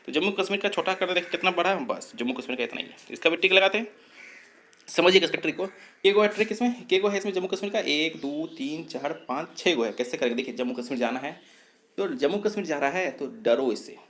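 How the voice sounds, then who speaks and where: A man's voice: fairly high pitch, animated, fast talker, a bit bright. Man teaching. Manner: explanatory, repeats points, asks and answers himself; slips and self-corrects. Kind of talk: exam-prep mnemonic lesson.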